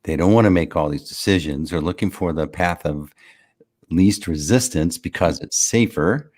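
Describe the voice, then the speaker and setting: A man with a very low voice adds his thoughts in relaxed podcast conversation. He muses on ideas and steers the talk with questions. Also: moderate pace. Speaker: co-host. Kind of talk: casual podcast chat.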